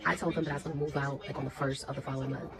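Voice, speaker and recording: Fast-talking blunt woman telling a story. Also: a bass voice, recorded from a distance, crowd noise, low-quality recording. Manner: blunt, profane, animated retelling. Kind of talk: casual storytime.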